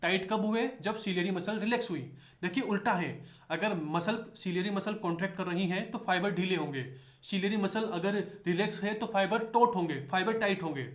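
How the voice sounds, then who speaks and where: A man's voice: sits high, moderate pace. A man giving a medical lecture, repeating key points and asking himself rhetorical questions, mixing English terms into his speech. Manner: mixes English terms into Hindi. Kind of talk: explanatory lecture. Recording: echoey room.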